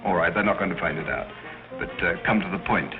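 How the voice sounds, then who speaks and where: A breezy, inquisitive society gentleman from a 1930s screwball comedy. He banters at a quick clip in a mid-pitched voice, on a dull old film soundtrack with prominent music. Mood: curious, teasing. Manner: brisk, bantering. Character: breezy, nosy well-to-do society man, old friend. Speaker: actor in a film.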